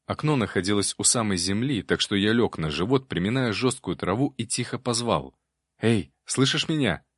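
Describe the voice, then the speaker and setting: A man's voice: fairly low pitch, lively intonation, brisk, husky, no echo. A man narrating an adventure story in the first person, with a dry, wry tone. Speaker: audiobook narrator.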